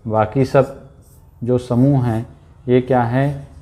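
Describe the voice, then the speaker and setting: A man's voice: mid-range voice, steady tone, slow pace, mellow. A man teaching an exam-prep lesson, repeating key words and checking in often with his students.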